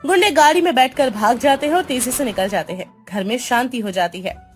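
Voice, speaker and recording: Brief: high-voiced female story narrator, soft music behind. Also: brisk. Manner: even, storybook delivery.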